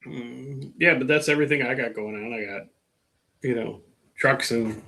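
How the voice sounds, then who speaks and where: A man's voice: mid-range voice, normal speed, vocal fry, pushed and bright. A middle-aged man hosting a casual live stream about his car work, rambling with lots of fillers and reading out viewer comments. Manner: rambling, self-mocking, many fillers.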